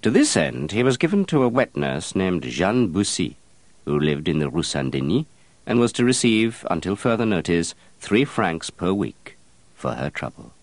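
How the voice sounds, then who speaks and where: Man, audiobook narrator, low voice, very lively intonation, dry close sound. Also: dry recording. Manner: measured, expressive storytelling. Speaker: audiobook reader. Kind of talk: scripted narration.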